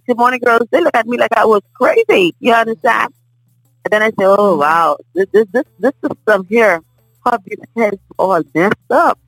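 A middle-aged woman from the Bahamas with a Bahamian accent, a guest in a casual table conversation, telling stories in a lively way and often asking "you understand?". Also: fairly high pitch, no room sound, poor audio. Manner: animated storyteller, often asks "you understand?".

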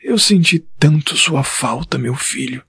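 A man voicing a frail old male blacksmith who speaks slowly, breathily and like a teacher. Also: medium pitch, lively intonation, pushed and bright, dry recording, pitched above the performer's own voice, heavily acted. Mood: tender. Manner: slow, breathy and professorial.

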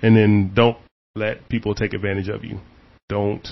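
A man hosting a casual chat, animated and emphatic, getting heated and repeating his points. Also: lowish voice, moderate pace, creaky, dull audio. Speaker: host.

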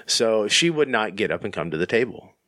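A man telling a casual podcast anecdote in a halting, rambling way, often repeating words. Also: fairly low pitch, sing-song, a bit bright, no room sound.

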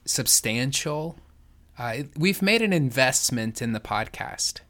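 A man's voice: mid-range voice, expressive, unhurried, a bit bright. A man with an American accent chatting casually as a podcast co-host. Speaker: podcast co-host, church staff. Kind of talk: casual co-hosted podcast chat.

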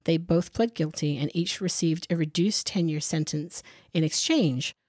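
Female podcast co-host on the lower side, dry studio sound, sarcastic and plain-spoken true crime storytelling. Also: moderate pace, a little mellow, no echo. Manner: blunt, sarcastic, sweary. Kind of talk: true crime narration with casual banter.

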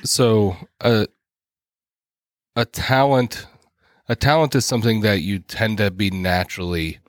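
A man co-hosting a casual church podcast, explaining ideas and citing scripture between quick laughs. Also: fairly low pitch, steady tone, dry recording, clean studio sound. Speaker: podcast co-host. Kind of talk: casual chat about church.

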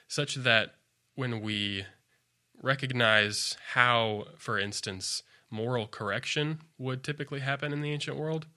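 Bright, measured male scholar. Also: fairly low pitch. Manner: thoughtful, measured, with frequent fillers and restarts. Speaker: biblical scholar guest. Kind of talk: explanatory interview talk.

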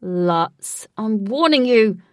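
A woman's voice: on the high side, big pitch swings, moderate pace, slightly rough, no room sound, studio quality, far from the mic. A woman reading a storybook, voicing a commanding, short-tempered man who barks orders. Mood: angry. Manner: forceful, clipped commands. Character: gruff male protector, short-tempered and commanding.

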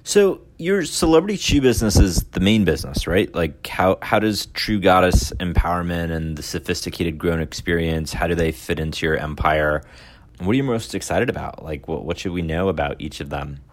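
A man's voice: sits low, animated, normal speed. A man hosting a podcast interview, asking questions in a friendly, casual way. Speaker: podcast host.

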